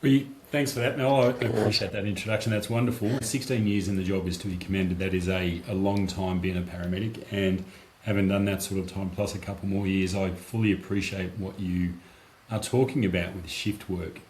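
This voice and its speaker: A man's voice: deep voice, level tone, a little fast, darkish tone. A middle-aged man chatting casually as a podcast host. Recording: roomy echo, faint background noise.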